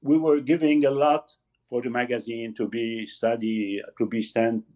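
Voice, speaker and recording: Older man, 60s, halting guest who searches for words, mid pitch, slightly muffled lo-fi recording. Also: flat delivery, a little mellow. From Lebanon. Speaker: magazine founder, guest. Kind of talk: casual interview talk. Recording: slightly dull lo-fi audio.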